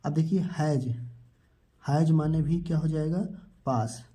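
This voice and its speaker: A man's voice: a little high, unhurried, warm tone. Man teaching, quizzing himself aloud. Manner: asks questions and answers them himself, repeating each word; addresses viewers as children. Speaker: English teacher. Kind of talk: spelling and pronunciation lesson.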